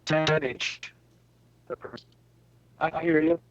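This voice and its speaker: A man on a tablet video call whose audio keeps breaking up, talking haltingly and checking whether he can be heard. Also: on the high side, steady tone, highs cut off, noisy background. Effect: breaking-up internet call audio. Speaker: panel guest on a call. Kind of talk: casual chat.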